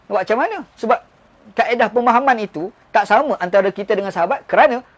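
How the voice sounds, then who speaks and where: A man's voice: high voice, fast talker. A man with a Malaysian Malay accent giving a religious lecture, explaining with stories and rhetorical questions. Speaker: religious teacher.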